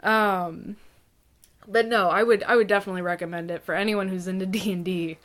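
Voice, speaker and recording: A woman's voice: medium pitch, steady tone, brisk, fairly bright tone. Female podcast guest, casual and chatty, filler-heavy delivery. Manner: chatty, many fillers, laughs often. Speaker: podcast guest, dungeon master.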